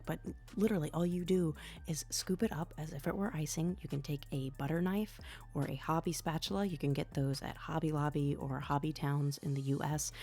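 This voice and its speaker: A woman with a hoarse voice from a cold, talking softly as she hosts a hobby painting tutorial voice-over. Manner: soft, low-volume delivery. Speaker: miniature painting tutorial host.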